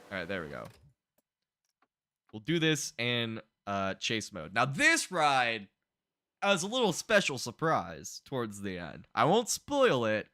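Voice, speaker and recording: A man doing casual, excitable gameplay commentary, joking and swearing freely as he tours his theme park. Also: medium pitch. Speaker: streamer showing a theme park build.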